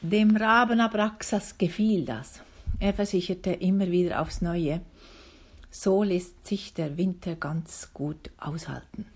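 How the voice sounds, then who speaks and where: Slow, husky woman reading a storybook. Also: lowish voice. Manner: slow, calm, deliberate reading. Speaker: reader. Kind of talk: reading a children's book aloud.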